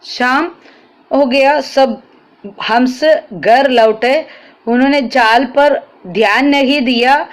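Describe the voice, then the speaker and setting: A young woman teacher tells a story to her class, slowing down on each phrase as she reads the English text. Her voice sits a little high and moves at an unhurried pace. When she explains in Hindi she breaks in with fillers and restarts. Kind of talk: classroom lesson, reading a story aloud and explaining it.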